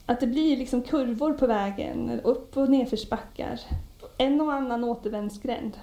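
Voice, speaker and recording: Female preacher, conversational sermon with hesitations, mellow tone, roomy echo. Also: on the high side. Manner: warm conversational storytelling with frequent hesitations. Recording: echoey room.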